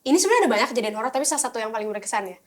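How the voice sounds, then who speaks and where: A young woman, an actress guest on a podcast, telling a story in lively casual chat. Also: fairly high pitch, rapid-fire. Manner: lively storytelling, acting out quoted voices.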